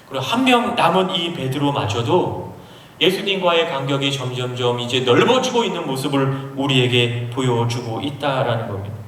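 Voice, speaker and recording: A pastor from Seoul preaches in a large university auditorium, explaining a passage and asking his audience questions. He has a fairly high, fairly bright voice. The echoey hall is recorded from a distance, with slight background noise.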